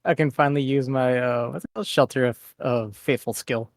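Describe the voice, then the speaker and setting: Casual male gamer, mid-pitched and dry. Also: steady tone, brisk, dry recording. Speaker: tabletop game player. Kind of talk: casual chat.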